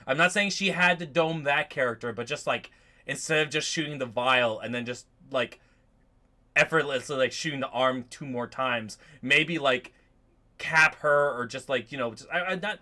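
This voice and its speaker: A man's voice: mid-range voice, moderate pace, pushed and bright. A man co-hosting a casual reaction chat, rambling, swearing freely and often restarting his sentences. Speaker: podcast co-host.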